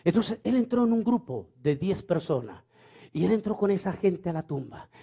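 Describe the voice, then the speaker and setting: A man's voice: high voice, sing-song, moderate pace, gravelly, warm tone, breathy edge. A man preaching a storytelling sermon, fervent and repeating phrases for emphasis.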